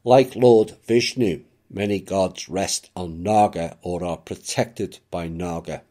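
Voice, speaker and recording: A man giving a reflective spoken monologue as a channel narrator, measured and unhurried, with occasional dry asides. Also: low voice, fairly even intonation, warm tone.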